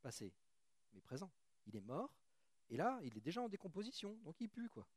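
Male preacher, slightly high voice, dry sound; reads scripture, then chatty asides to the congregation. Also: very animated, brisk, slightly rough, dry recording. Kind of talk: sermon with Bible reading. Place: church.

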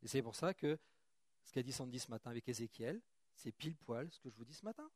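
A man's voice: mid-range voice, lively intonation, quick pace, no echo, studio quality. A man preaching in a church, reading scripture aloud and breaking into chatty asides to his congregation. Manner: reads scripture then comments casually, chatty asides to the congregation. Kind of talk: sermon with Bible reading.

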